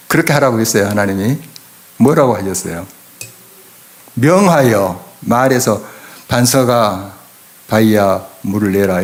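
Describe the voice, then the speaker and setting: A middle-aged man preaching an expository sermon in church, emphatic and full of rhetorical questions to the congregation. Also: mid-range voice. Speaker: pastor. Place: church sanctuary.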